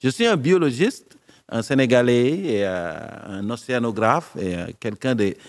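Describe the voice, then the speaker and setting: A man's voice: medium pitch, expressive, big-room sound. Guy in his 50s, joking guest, lots of euhs, voice bounces up and down. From Senegal. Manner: joking, storytelling with many pauses and fillers. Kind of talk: casual interview talk.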